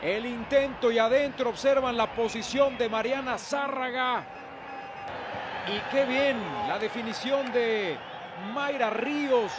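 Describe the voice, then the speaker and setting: A man with a Mexican accent doing play-by-play football commentary, with emphatic, excited goal calls. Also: very high voice. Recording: clear stadium noise behind commentary.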